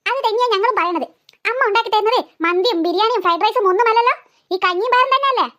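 A woman's voice: very high voice, fast, pushed and bright, lo-fi sound. A woman voicing hungry cartoon children who whine and complain sarcastically about their food. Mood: sarcastic. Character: hungry, whiny cartoon children, sassy and teasing. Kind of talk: cartoon voice acting.

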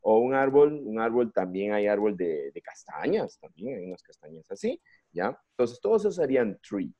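A man with a Peruvian Spanish accent teaches an online English class to young students, talking in a fairly low, husky voice at a moderate pace. He is lively and playful, asking many questions, coaxing the kids to participate, and joking to keep them engaged. The audio comes from a computer mic on a video call and sounds slightly dull and lo-fi.

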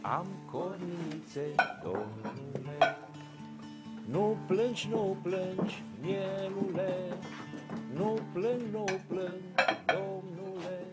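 A man singing a slow, mournful ballad in a call-and-answer style at a feast. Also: high-pitched, lively intonation, over loud music. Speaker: singer performing at a feast.

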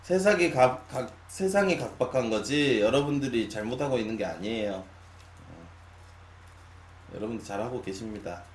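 A man of twenty-nine chatting casually with his stream viewers, musing with long sighs and drifting between loud and quiet. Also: mid-range voice, moderate pace. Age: 20s. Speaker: live streamer. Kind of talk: casual late-night chat with viewers. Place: small room at a desk. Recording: echoey room, faint hum.

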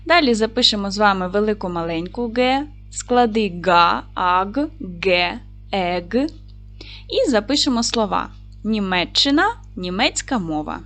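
A woman teaching an online lesson to young children, speaking clearly and stretching out words as she spells them. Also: medium pitch, animated, unhurried, fairly bright tone. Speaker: primary school teacher.

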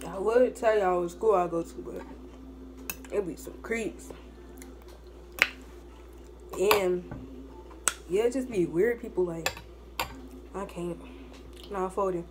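A young woman chats casually to camera while eating, so her words come through a mouthful of food. She is at home in a small room, and there is clear background noise with clinking cutlery. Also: medium pitch, measured pace, long pauses. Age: young adult. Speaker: vlogger. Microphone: phone or laptop propped at arm's length. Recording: noisy room, cutlery and dish clatter.

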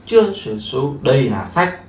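In an echoey room with a distant mic and faint noise, a man with a mid-range, very animated voice teaches a language lesson at a measured pace. He explains each phrase again and again, using lots of fillers.

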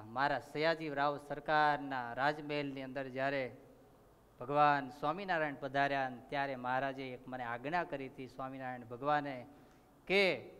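Animated Gujarati man preaching in a hall. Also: a little high, smooth. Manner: animated storyteller, acts out characters, asks the audience questions. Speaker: katha preacher. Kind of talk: sermon storytelling. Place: temple assembly hall. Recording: long reverb of a temple hall.

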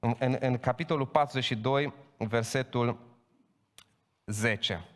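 Man preaching in a reverberant church hall. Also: mid-range voice. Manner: emphatic, rises to loud proclaiming. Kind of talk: Pentecostal sermon.

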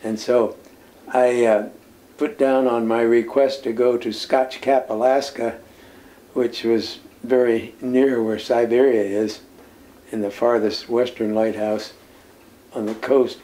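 An older man, a former lighthouse keeper, reminisces in an interview, answering questions in a mellow, mid-range voice with a level tone. He tells his stories unhurriedly, with many "uh" pauses and soft chuckles. He is seated in an indoor room lined with nautical memorabilia, filmed by a camera at medium distance, and the recording quality is low.

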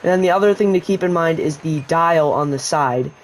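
A gaming YouTuber records a casual voice-over tutorial for a survival video game, explaining things as he plays. His voice is a little high and fairly quick, and his relaxed explanation rambles, with frequent restarts.

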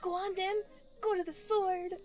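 A woman voicing a tiny, excitable forest sprite in a squeaky voice, with game music behind. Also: a little slow. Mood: urging.

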